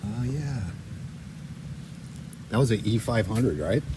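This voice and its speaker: A man's voice: lowish voice, expressive, slow pace, noisy background. A man hosting a casual car vlog, chatting upbeat about the cars in his workshop. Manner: upbeat, chatty commentary while showing cars. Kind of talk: casual garage vlog narration.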